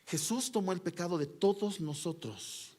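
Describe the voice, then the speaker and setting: A man preaching with fervor, his voice pitched a bit high for a man. He climbs to loud peaks and then sinks to near-hushed lines. He keeps pressing his listeners with rhetorical questions. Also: normal speed. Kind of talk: sermon.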